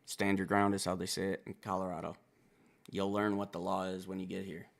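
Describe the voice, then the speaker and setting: Country dude reacting to rap, low gravelly voice, swears a lot, casual breakdown. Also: male voice, a little fast. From Wisconsin. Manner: animated, profane, self-styled country boy breaking down lyrics. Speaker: music reaction reviewer.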